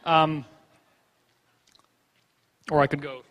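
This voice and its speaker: A man on stage telling stories to a hall, with a fairly high voice for a man and a long reverb trailing each phrase. He talks in a joking, animated way and slips in quick voiced asides as he moves through his slides. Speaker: conference speaker. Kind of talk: conference lecture with slides.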